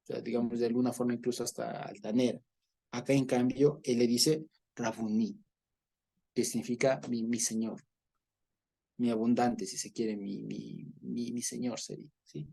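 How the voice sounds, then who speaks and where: A man's voice: medium pitch, little pitch movement, moderate pace, vocal fry, warm tone, slightly rough. A man teaching a Bible study, explaining at length, repeating words and checking in with listeners.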